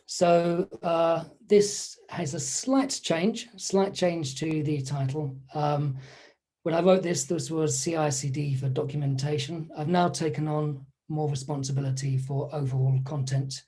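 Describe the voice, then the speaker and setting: A man giving an online conference presentation over a video call, speaking in a relaxed, conversational way with frequent fillers. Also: a little high, unhurried.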